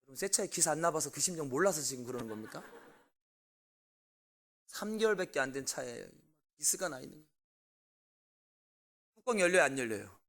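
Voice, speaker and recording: A man in his forties, a pastor telling a family story in a sermon and asking the congregation questions, with loud bursts and quiet asides. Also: a little high, quick pace, pauses often. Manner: animated, swings between loud outbursts and quiet asides.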